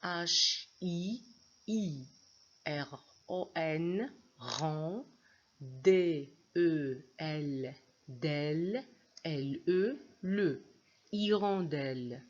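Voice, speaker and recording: Slow, husky woman spelling out words. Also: low voice, highs cut off. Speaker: reading teacher. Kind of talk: phonics lesson for young children.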